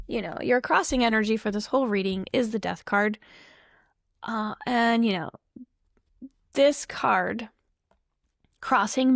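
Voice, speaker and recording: A woman's voice: fairly high pitch, dry recording. Rambling woman tarot reader, dry sound. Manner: rambling and apologetic, talks in loose asides. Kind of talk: casual tarot reading to camera.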